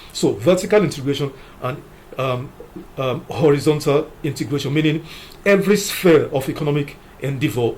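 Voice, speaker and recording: A man's voice: medium pitch, darkish tone, a little hiss or hum. Emphatic man laying out points. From Nigeria. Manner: emphatic, lists numbered points, frequent "you know". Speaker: political commentator. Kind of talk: opinion commentary.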